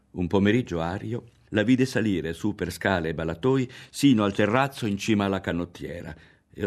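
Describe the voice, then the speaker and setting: Deep-voiced man reading a novel aloud. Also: a little mellow. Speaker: audiobook reader. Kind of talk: literary audiobook narration.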